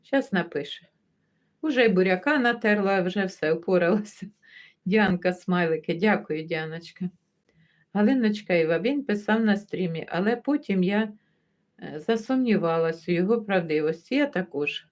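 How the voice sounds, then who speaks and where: With a lowish voice, lively intonation and normal speed, a woman hosts a casual livestream. She warmly names viewers one after another and reads their comments, laughing easily as she chats.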